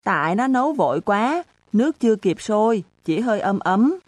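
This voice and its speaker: A woman's voice: medium pitch, big pitch swings, moderate pace, dry recording. Woman voicing a crafty boastful teenage boy. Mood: boastful, weary. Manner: boastful, faltering when caught.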